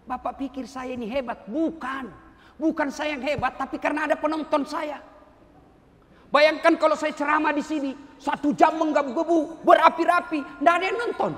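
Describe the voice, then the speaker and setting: A middle-aged man with a Makassar accent, preaching a sermon, who swings between loud emphatic lines and soft quoted asides. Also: very high-pitched, fairly even intonation, normal speed. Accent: Makassar Indonesian. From Indonesia. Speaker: lecturer. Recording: roomy hall, faint background noise.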